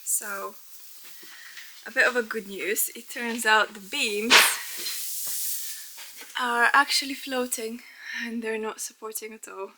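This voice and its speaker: A woman's voice: fairly high pitch, fairly even intonation, takes it slowly, long pauses, background noise. A woman vlogging a country house renovation, chatty and upbeat, laughing easily as she shows the work. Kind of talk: casual vlog narration.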